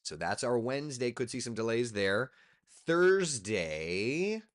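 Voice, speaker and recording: A TV weatherman, sounding tired, chats casually on a live stream as he moves through forecast maps, talking to himself in a loose, chatty manner. His medium-pitched voice is very animated yet slow-paced.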